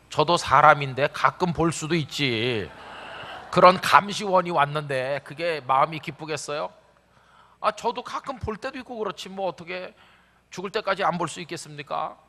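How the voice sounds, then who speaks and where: A man's voice: on the high side, normal speed, sharp tone. A middle-aged man preaching a revival sermon, telling stories with acted-out quotes and rhetorical questions. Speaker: pastor. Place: large church sanctuary. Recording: long church hall reverb.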